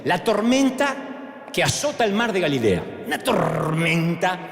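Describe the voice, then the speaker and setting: A middle-aged man with an Argentine Spanish accent preaching a sermon, theatrical, acting out quotes and shouting for emphasis. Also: high voice, sing-song, a little slow, creaky, soft background music. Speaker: pastor. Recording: echoey hall with long reverb.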